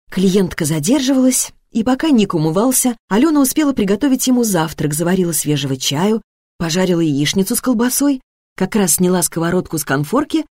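A woman reading a novel aloud as narrator, with expressive storytelling that shifts tone with the scene. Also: fairly low pitch, dry recording, studio quality. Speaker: audiobook narrator. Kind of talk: scripted narration.

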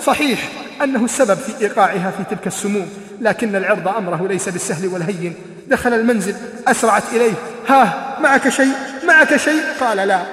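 A male preacher with a very high, quick voice delivers an emotional sermon, swinging into sung and shouted cries. The sound carries a long echo, as if from a large hall. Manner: dramatic, chanting rises into near-shouting. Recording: echoey hall recording.

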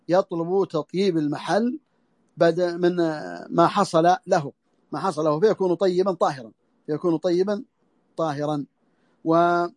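Guy giving a religious lesson, high voice, dry close sound, keeps repeating his phrases. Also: darkish tone, no room sound. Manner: repeats phrases slowly for emphasis. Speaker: Islamic scholar teaching a text. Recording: audio lesson over the internet.

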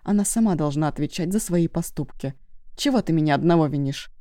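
A woman voicing a cocky young man, blunt and defensive, in her own low voice. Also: expressive, a little fast, dark tone, dry recording, studio quality.

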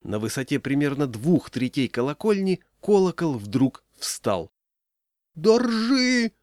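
A man narrating a story aloud in an expressive audiobook reading. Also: medium pitch, measured pace, no echo, studio quality. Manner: lively storytelling, voicing characters.

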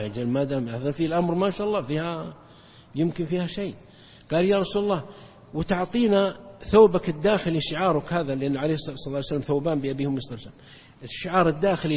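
A man gives a religious lecture, telling stories emphatically and jumping up in pitch to stress points. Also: slightly rough. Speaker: preacher. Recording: dull lo-fi recording with long hall reverb.

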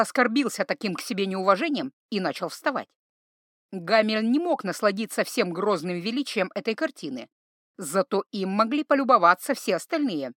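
A woman narrating a fantasy audiobook in an expressive, melodic reading style. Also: mid-range voice, no echo, studio quality. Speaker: audiobook reader. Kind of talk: storybook narration.

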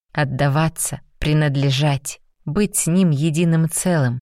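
A woman narrating a romance novel aloud in smooth, even storytelling. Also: deep voice, no echo, studio quality. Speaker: audiobook narrator.

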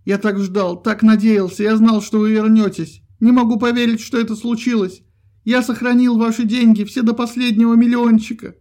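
A man's voice: sits high, expressive, a little fast, mellow, husky, pitched above the performer's own voice, full character voice. A man reading aloud, voicing a sly male schemer who fawns and coaxes persuasively. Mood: tearful joy. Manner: fawning, persuasive.

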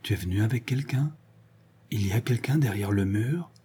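A man's voice: medium pitch, normal speed, warm tone, slightly rough, close to an everyday voice. A man voicing an anxious, wary young boy held captive, speaking in pleading questions in a storybook reading. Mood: hushed.

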